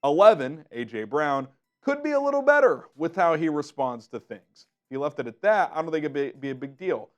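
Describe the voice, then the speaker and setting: Emphatic sports show host, slightly high voice. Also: male voice, sing-song, a little fast. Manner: emphatic, exasperated rants. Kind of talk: opinionated sports commentary.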